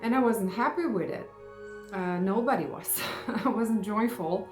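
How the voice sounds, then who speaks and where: A woman from Serbia with a Serbian accent, speaking English as a second language, telling her personal story in a halting way as she searches for words. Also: medium pitch. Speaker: face yoga vlogger. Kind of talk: personal testimony vlog. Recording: echoey room with music behind.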